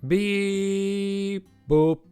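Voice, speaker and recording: A man's voice: high-pitched, steady tone, drawn-out words, dark tone, smooth, faint music behind, voice pushed up. Een man die een piepende robotstem nadoet. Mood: beeping. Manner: chanting beeps in a raised, mechanical tone. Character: odd twitchy man beeping like a robot. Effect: robot voice, imitated beeps. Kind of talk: game playthrough commentary.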